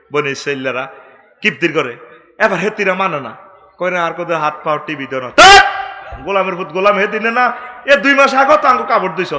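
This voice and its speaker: A middle-aged man preaching a waz sermon, storytelling comically with sudden shouts. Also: on the high side.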